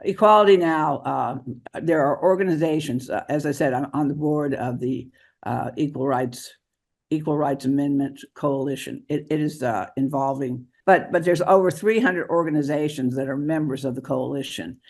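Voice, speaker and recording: Halting, slightly high-voiced man guest. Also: vocal fry. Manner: halting, with many restarts and small laughs. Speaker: guest author and equal rights advocate. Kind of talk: conversational interview answers.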